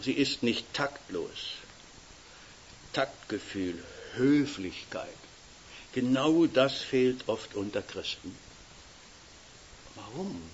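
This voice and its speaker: A man's voice: medium pitch, animated, slow, long pauses, highs cut off, slight background noise. An elderly man preaching a sermon in a folksy way, often checking with his listeners. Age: older. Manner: folksy, keeps tagging "nicht?".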